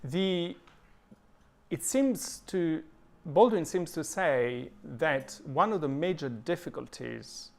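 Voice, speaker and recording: Gravelly Italian-accented man lecturing. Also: mid-range voice. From southern Italy. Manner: thoughtful, many fillers and restarts, reads quotations aloud. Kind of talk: adult education lecture.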